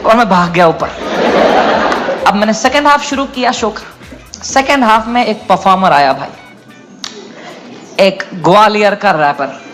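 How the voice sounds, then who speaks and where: A man doing stand-up storytelling, swinging between a mock-solemn low voice and loud excited outbursts. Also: background noise. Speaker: stand-up comedian. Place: comedy stage before a live audience. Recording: live club with loud music and crowd laughter. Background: audience laughter and music.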